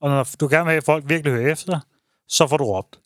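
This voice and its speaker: A man's voice: fairly high pitch, no echo, clean studio sound. A man co-hosting a casual podcast, speaking earnestly and reflectively, thinking aloud as he goes. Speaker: podcast co-host.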